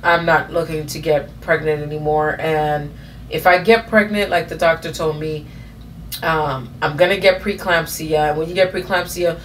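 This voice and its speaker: A woman's voice: sits low, steady tone, moderate pace, slight background noise. A woman in her thirties telling a personal story in a casual vlog, rambling with many fillers and self-corrections. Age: 30s. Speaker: vlogger.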